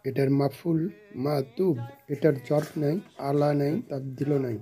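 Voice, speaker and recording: A man's voice: on the high side, steady tone, a little slow, mellow. A man teaching grammar step by step, reciting each word form in short phrases and then explaining its meaning.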